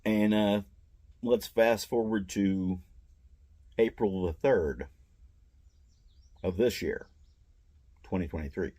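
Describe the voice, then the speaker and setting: A man's voice: lowish voice, slow, long pauses, dark tone. An older man, retired, telling a meandering, plain-spoken story about trouble as a vendor at a mall booth. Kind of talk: casual first-person storytelling.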